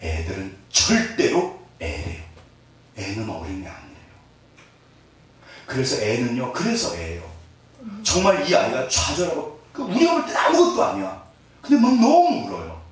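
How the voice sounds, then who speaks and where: A man's voice: medium pitch, wildly swooping pitch, normal speed. A middle-aged man preaching a sermon as pastor, joking with the congregation and acting out little scenes. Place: church hall. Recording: echoey hall, mic at a distance, faint noise.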